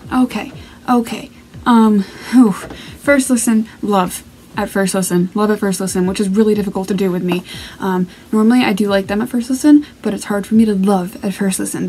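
A young woman talks excitedly to her viewers in a music reaction vlog, her voice in a middle register. She gushes and rambles breathlessly and leans on fillers. A faint hum sits behind her. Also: mid-range voice, low-quality recording. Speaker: reaction video host.

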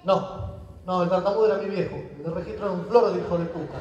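Comedy sketch: a man playing a high-voiced, deadpan student who stammers; echoey hall, slightly dull sound. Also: fast, background noise, natural voice. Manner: deadpan, stammers his name, crude punchlines. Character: young man posing as a Spanish scholarship student. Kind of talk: improvised stage sketch. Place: large theater stage. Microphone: far room mics. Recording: echoey theater hall, muffled.

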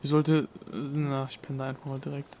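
A man's voice: medium pitch, completely flat delivery, brisk, a little mellow, slight background noise. A young man casually commenting on his gameplay, swearing and mocking himself while talking to the game. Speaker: let's play gamer. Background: game music.

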